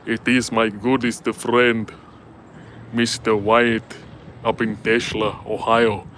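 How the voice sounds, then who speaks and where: A man putting on a mock Russian accent, playing a friendly man who speaks broken English and praises his comrade slowly and deliberately. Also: fairly low pitch, level tone, a bit bright, slight background noise.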